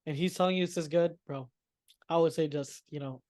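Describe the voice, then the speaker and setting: A man co-hosting a podcast while feeling sick, hyping anime in casual, slangy talk. He repeats phrases as he goes, in a voice pitched a little high for a man. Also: steady tone, fairly quick, a little mellow. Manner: slangy, hyped, repeats himself. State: sick, coughing. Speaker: podcast co-host. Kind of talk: casual chat about anime.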